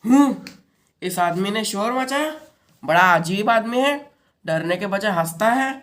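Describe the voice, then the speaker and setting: A bullying giant demon voiced by a woman teacher shouts his threats in a raised, strained voice. He stays gruff and boastful, like a stage villain in a class play reading. The recording is plain. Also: mid-range voice, expressive, a little slow, close to an everyday voice.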